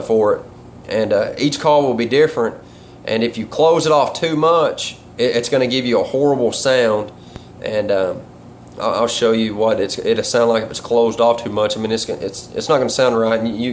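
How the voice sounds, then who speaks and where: A man gives a casual, hands-on lesson in a folksy, rambling style. His voice sits at a middling pitch and his grammar is loose and colloquial. There is clear noise behind him on the recording. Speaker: duck calling instructor and caller. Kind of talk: casual instructional vlog talk.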